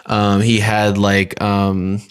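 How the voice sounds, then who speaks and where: A man from North Carolina hosting a podcast interview, relaxed and easygoing in casual chat. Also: lowish voice, slow, clean tone. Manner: relaxed, easygoing, lots of "you know". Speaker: podcast host.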